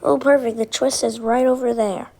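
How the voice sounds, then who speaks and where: A woman's voice: on the high side, steady tone, moderate pace, vocal fry, heavy background noise. A woman chatting casually as she narrates her own gameplay, thinking aloud and scolding her in-game car. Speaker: gameplay vlogger. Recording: loud game car sounds behind voice.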